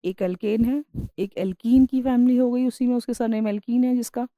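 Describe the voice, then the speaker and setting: A woman teacher lectures on science, reading English lines slowly before explaining them in Hindi and checking in with her class. Her voice sits a little high and sounds very warm and mellow. The recording is dry and close, with no room sound. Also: steady tone, no echo, low-quality recording.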